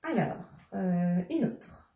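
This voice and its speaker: Heard through a roomy, somewhat distant microphone, a woman teacher with a low-ish, warm and animated voice patiently sets riddles for a young child. She speaks slowly, talks to the child directly and repeats each clue.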